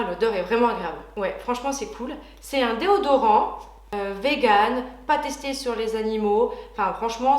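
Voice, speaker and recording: A woman's voice: fairly high pitch, reverberant. A woman beauty vlogger chatting casually and enthusiastically through a product unboxing, with frequent hesitations.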